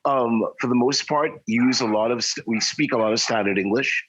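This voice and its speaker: Another Trinidadian co-host on the same kind of casual, chatty podcast speaks in a mid-range, slightly bright voice at a moderate pace. He is a man from Trinidad and Tobago, and the recording sounds muffled and lo-fi.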